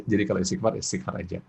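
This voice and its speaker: A man giving an expressive parenting lecture, laughing often and acting out examples. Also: mid-range voice, normal speed, slightly rough. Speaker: parenting speaker.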